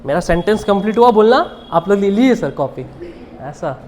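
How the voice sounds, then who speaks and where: A man's voice: sits high, animated, moderate pace, darkish tone. Chatty male teacher quizzing a class. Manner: quizzing students, mixing Hindi and English. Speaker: English teacher. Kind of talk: live classroom lesson.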